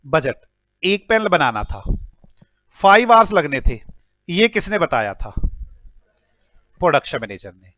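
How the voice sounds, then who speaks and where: Animated Indian man teaching a class. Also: fairly high pitch, a little slow, pauses often. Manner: animated storytelling with mock scolding. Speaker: accounting teacher. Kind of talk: classroom lecture.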